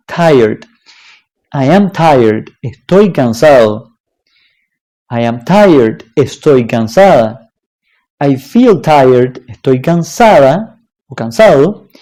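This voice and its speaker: Slow, lively-voiced language teacher. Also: mid-range voice. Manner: slow, deliberate, checks in with "okay?" and "right?". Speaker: Spanish teacher. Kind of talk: online language lesson.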